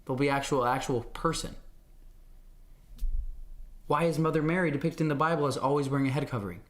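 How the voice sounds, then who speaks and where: A man's voice: on the high side, a little fast. A young man hosting a livestream, chatting casually and playfully with his viewers, rambling through questions and answering messages. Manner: rambling, playful, talks to chat. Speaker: livestream host.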